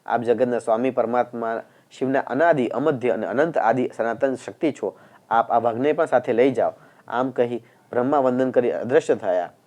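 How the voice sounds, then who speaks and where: Man narrating scripture in a dark, mellow voice. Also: medium pitch, normal speed.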